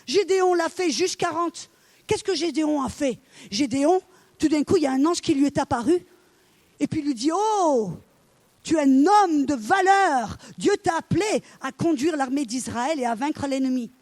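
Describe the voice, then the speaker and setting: High-voiced woman preaching with animated storytelling. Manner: animated storytelling, acting out dialogue. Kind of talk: sermon.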